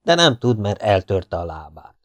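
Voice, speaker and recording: A fat, rude scorpion charmer who scolds and brags in an unhurried, low voice, as a male audiobook reader puts him on. He sounds sly and self-satisfied. The recording is close and dry. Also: big pitch swings, no echo. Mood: bossy. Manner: blunt, scolding, slow and cocky. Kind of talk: audiobook character voice.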